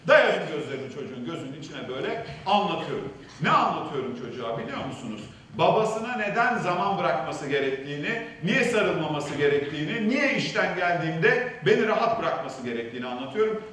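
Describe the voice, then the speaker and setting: A middle-aged man on stage in a university hall, telling a personal story with vivid, dramatic swings between loud and hushed speech. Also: a little high, slight background noise. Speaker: seminar speaker sharing a personal story. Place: university auditorium. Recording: echoey hall, distant mic.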